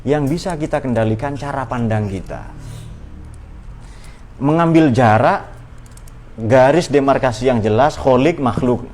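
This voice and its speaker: A man's voice: mid-range voice, a little slow, long pauses, darkish tone. A man giving an informal religious study talk, conversational and playful, with many rhetorical questions. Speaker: Islamic religious teacher.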